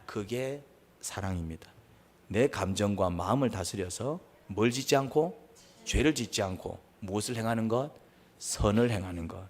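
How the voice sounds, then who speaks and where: A male pastor preaching a sermon, asking the congregation questions and acting out quarrels in raised voices. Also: moderate pace. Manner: animated, asks the congregation questions, acts out quarrels in high voices.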